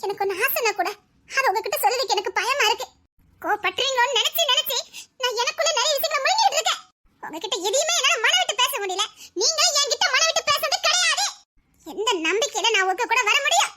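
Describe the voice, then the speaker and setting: A woman voicing a young bride who defies her quick-tempered husband in a dubbed serial drama, with nervous laughter. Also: extremely high pitch, animated, pushed and bright, a little hiss or hum, full character voice. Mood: fearful.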